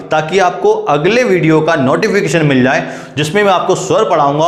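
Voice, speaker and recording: A man giving a step-by-step grammar lecture, asking questions and then answering them himself. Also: fairly high pitch. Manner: explains step by step, asks and answers his own questions. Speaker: teacher. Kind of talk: classroom-style Hindi grammar lecture. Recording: echoey room.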